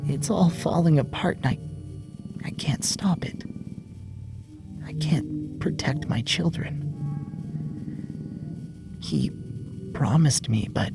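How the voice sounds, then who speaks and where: A desperate woman, performed by a male narrator, pleads in a soft, breathy half-whisper. Her voice is raised somewhat above his own and sinks near silence as she falters. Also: fairly high pitch, slow, pauses often, over music, voice pushed up.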